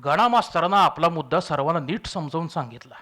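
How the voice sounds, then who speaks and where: A male storyteller with a fairly high voice reads a comic village tale at a literary gathering. His delivery is lively, and he slips into different voices for the characters. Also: quick pace. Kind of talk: humorous story reading at a literary event. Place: public literary event.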